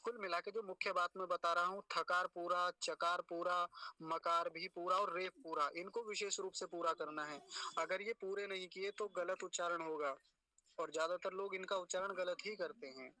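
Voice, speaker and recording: A man giving a spoken lesson on pronunciation, slowly sounding out each syllable and patiently repeating words so listeners can copy them. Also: high voice, fairly even intonation, bright, forceful tone. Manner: slow, deliberate syllable-by-syllable demonstration. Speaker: Sanskrit pronunciation teacher.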